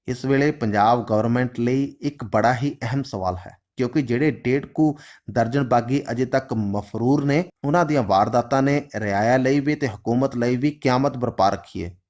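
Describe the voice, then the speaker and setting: A man voicing a stern, formal male official who speaks in a measured, lawful way. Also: mid-range voice, a little mellow, close to an everyday voice. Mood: coaxing. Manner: formal, measured, Urdu-flavored phrasing.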